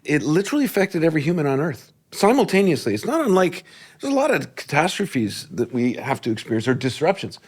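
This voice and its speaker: Articulate man on a supply chain panel. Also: mid-range voice. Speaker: panel guest, tech executive. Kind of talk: panel discussion.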